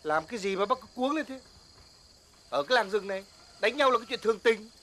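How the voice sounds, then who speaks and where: An actor playing a bossy, lazy village security chief who blusters and orders people around. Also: male voice, high-pitched, expressive, fast talker, fairly bright tone, a little hiss or hum. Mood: dismissive. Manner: blustering and domineering.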